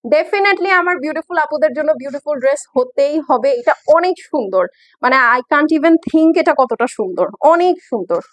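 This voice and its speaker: A woman's voice: high-pitched, lively intonation, moderate pace, no echo. A woman with a Bangladeshi accent hosting a live sales stream for clothing, chatty and coaxing, slipping English phrases into her talk. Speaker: online clothing seller.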